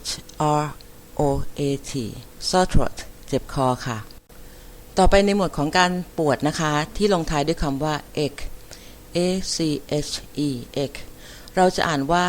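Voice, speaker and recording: Woman, English teacher, unhurried, careful enunciation, spelling out words, lesson delivery. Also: low voice, a little hiss or hum. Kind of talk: slow vocabulary lesson, spelling words aloud.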